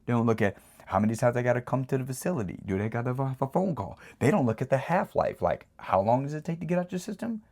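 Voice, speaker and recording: A man's voice: medium pitch, expressive, fast, hardly any pauses, darkish tone. A man hosting his own channel, giving a rambling, casual motivational talk and often checking in with the listener. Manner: rambling, repeatedly asks "right?". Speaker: channel host.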